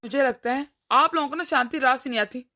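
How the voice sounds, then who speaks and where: A woman's voice: high-pitched, fast, pushed and bright. A woman voicing an exasperated young husband scolding his mother in a cartoon, with an impatient manner. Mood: annoyed. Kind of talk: cartoon voice acting.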